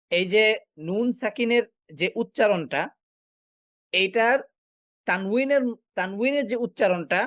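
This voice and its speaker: A man teaching a recitation class, explaining step by step and asking and answering his own questions, often pausing with filler sounds. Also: sits high, a bit bright, no echo, studio quality. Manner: frequent filler sounds while thinking. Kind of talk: online class lecture.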